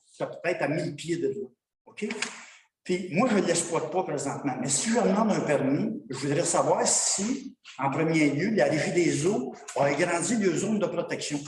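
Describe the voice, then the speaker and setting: A man's voice: a little high, lively intonation, normal speed, a little mellow. A man with a Québécois French accent speaks from the floor at a town council meeting, rambling and frustrated in a colloquial way. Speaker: citizen at council question period. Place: municipal council hall. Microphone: far from the microphone. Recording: echoey hall, distant mic, noise.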